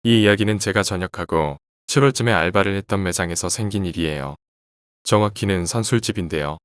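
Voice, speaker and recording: Guy reading scary stories, really deep voice, dry close mic, slow and subdued. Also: no echo. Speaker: horror story narrator. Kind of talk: horror radio storytelling.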